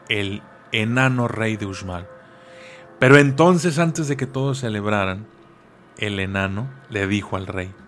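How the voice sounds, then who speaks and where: A man's voice: medium pitch, slight background noise. A man telling a folk legend casually, with slang asides and repeated words. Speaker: storyteller. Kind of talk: casual oral storytelling.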